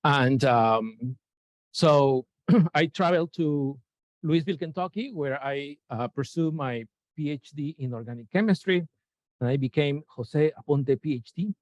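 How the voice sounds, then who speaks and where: A man from Peru who works as a NASA chemist lectures informally on science, faltering with fillers and self-corrections. His pitch is fairly high and his pace measured; a room mic picked him up for Zoom, giving a dull, dry, echo-free sound.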